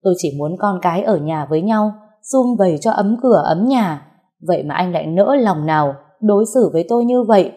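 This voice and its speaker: A woman voicing an aggrieved older mother-in-law who wails and accuses in a shrill, self-pitying way in a storybook reading. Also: lively intonation, fairly quick, warm tone. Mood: wailing.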